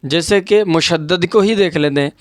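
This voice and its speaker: A man with a slightly high voice, recorded at studio quality with no echo, teaches Urdu grammar at a board. He's patient, repeating points and using asides to check that his students are following.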